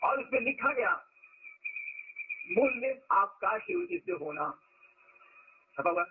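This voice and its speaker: A man's voice: very high-pitched, sing-song, takes it slowly, creaky, a little hiss or hum. A man giving a spiritual discourse to followers, telling stories and stressing words to make his point. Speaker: spiritual teacher. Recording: lo-fi phone-like recording.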